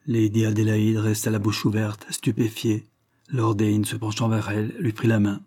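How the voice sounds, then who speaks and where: Dark husky male audiobook narrator. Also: lowish voice, monotone, moderate pace, no echo, studio quality. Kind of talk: scripted narration.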